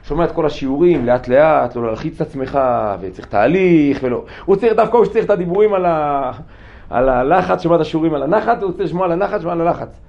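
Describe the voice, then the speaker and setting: Male rabbi, casual teaching voice, quizzes students, slightly high pitch, muffled lo-fi recording with light hiss. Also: creaky. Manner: lively, asks students questions, jokes. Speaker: yeshiva rabbi giving a class. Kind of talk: informal Torah class to students. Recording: dull lo-fi room recording with faint noise.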